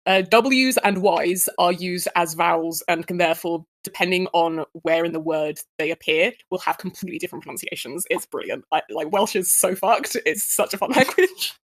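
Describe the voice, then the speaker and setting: A young player from Guildford in England chats casually with a Southern English accent, rambling and using many fillers. Her fairly low voice moves at a moderate pace with few pauses, and there's no echo.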